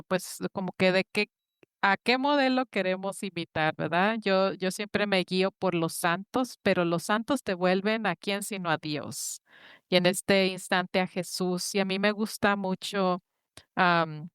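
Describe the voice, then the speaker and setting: A woman guest on a faith interview show, speaking earnestly about ministry and retelling Bible stories with lively quoted voices. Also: mid-range voice, clear, resonant tone, no room sound, clean studio sound. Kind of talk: conversational interview, faith-based.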